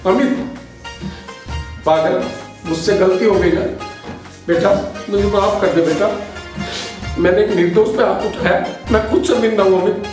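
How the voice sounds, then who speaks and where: A man plays a quick-tempered head of the house in a village film drama. He scolds and accuses hard, his voice ringing in a very echoey room away from the mic. Music plays clearly behind him. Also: sits high, fairly even intonation, distant mic. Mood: remorseful. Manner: loud accusing scolding, later remorseful. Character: short-tempered middle-aged male householder. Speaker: master of the house.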